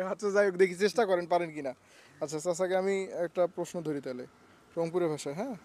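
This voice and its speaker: A man from Rangpur with a Rangpur Bengali accent, running a quick, teasing casual street interview outdoors. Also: high voice, a little mellow. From Rangpur, Bangladesh. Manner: quick, teasing, laughs often.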